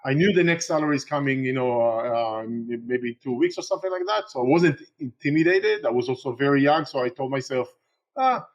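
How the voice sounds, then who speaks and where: Israeli-born man, halting, lo-fi. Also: mid-range voice, lively intonation. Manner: halting, many fillers and restarts. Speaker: guest, real estate investor. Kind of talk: casual interview talk.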